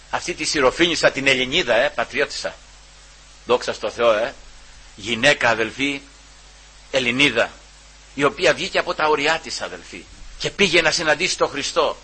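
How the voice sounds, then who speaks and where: Husky, sharp-toned male preacher. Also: mid-range voice, low-quality recording. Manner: keeps addressing listeners as brothers, swings between loud emphasis and hushed asides. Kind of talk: sermon.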